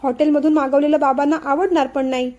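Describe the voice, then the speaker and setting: A woman's voice: high-pitched, steady tone, brisk, a little mellow, muffled recording, natural voice. A woman voicing a frightened young daughter-in-law who speaks hesitantly and close to tears. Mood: anxious. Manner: tearful and hesitant.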